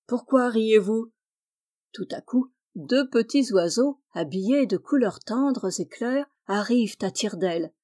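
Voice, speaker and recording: A woman narrating a children's storybook aloud. Her delivery is clear and expressive, and her voice has a warm, mellow tone at a medium pitch. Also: unhurried, few pauses.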